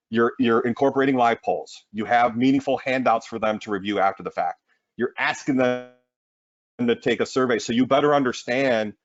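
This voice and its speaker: A man presenting a marketing webinar in an energetic sales pitch, often tossing in "right?". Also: no room sound, muffled recording.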